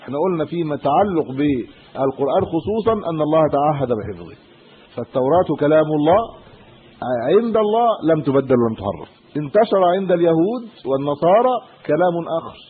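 A man with an Egyptian Arabic accent giving an Islamic creed lesson. He reads a formal text aloud, then explains it in quick colloquial asides and rhetorical questions. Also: fairly high pitch, very animated. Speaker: religious teacher. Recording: tinny phone-like audio with faint background noise.

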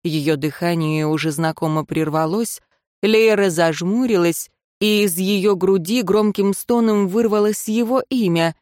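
A woman narrating an audiobook in an even, measured way. Her voice sits fairly low. The recording is dry and close. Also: no echo. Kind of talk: scripted narration.

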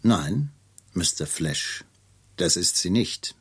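In a 1970s radio drama, a middle-aged actor plays a Scotland Yard chief inspector who asks probing questions with dry irony. His low, husky voice moves slowly with lively intonation and an exaggerated delivery.

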